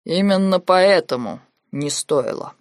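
Woman voicing a slow, heavy bodyguard. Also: on the low side, animated, no echo, clean studio sound. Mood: unperturbed.

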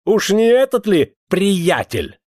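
A man reading a gruff, sneering cavalry officer. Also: on the low side, a little slow, a little mellow, no room sound, studio quality, lightly acted. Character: coarse, hot-tempered older male cavalry officer. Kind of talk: audiobook character reading.

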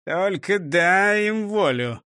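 A man's voice: high voice, animated, slow pace, sharp tone, no room sound, clean studio sound, pitched above the performer's own voice, exaggerated voice. A man playing a cocky, scheming gang boss who talks in a smug, wheedling way.

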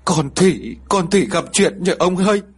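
A man's voice: high-pitched, moderate pace, slightly rough, pitched above the performer's own voice. A man doing a wailing old village mother. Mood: sobbing.

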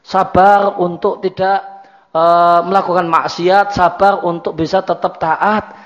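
Speaking slowly in a high, level voice, a male Islamic teacher leads a religious study lecture. His manner is conversational and repetitive, with Javanese words slipped in. Audio comes from a dull, lo-fi lecture recording.

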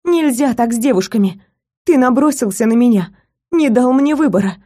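Woman doing a high, pleading young heroine. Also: animated, normal speed, warm tone. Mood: indignant.

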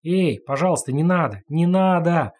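A man's voice: on the high side, animated, normal speed, darkish tone, voice pushed up. A man doing a terrified pleading convict. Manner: panicked pleading. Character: terrified male convict, begging.

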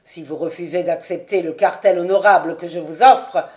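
A vengeful nobleman colonel, played by a woman, pitched lower than her reading voice and raised to a loud, stern force. He speaks in a challenging, measured tone, as in a dramatic audiobook reading. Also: steady tone, close to an everyday voice. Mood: furious.

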